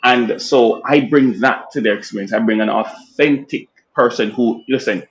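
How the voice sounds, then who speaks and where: A man with a Jamaican accent, born in Nigeria, talking as a guest physician in a casual interview, animated and laughing often, restarting phrases as he goes. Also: mid-range voice, normal speed, muffled recording. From born in Nigeria, raised in Jamaica.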